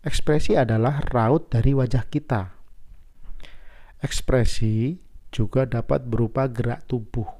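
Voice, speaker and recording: A man's voice: mid-range voice, mellow. A man, a primary school teacher patiently explaining a lesson and asking his pupils questions.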